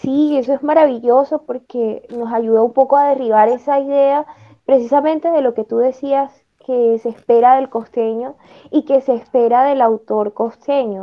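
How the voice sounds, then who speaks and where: Higher-voiced Colombian Caribbean woman, slightly muffled. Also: steady tone, normal speed. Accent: Colombian Caribbean (costeño). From Ciénaga, Caribbean coast of Colombia. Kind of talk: casual conversational interview talk. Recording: slightly dull, lo-fi sound.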